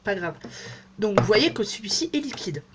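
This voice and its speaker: A woman's voice: medium pitch, big pitch swings, moderate pace, noisy background. A woman beauty vlogger chatting casually at home through a makeup demo, rambling and joking at herself with many fillers.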